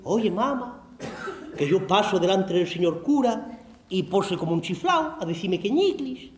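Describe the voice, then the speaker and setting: A man's voice: sits high, big pitch swings, a little slow, reverberant. A man with an Asturian accent voicing a naive thirteen-year-old village girl who sounds puzzled and guileless.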